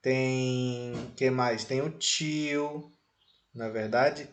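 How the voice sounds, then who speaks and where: Brazilian male teacher, slow and deliberate, repeats key words, slide lesson delivery. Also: mid-range voice, flat delivery, soft background music. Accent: Brazilian Portuguese. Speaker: Spanish teacher.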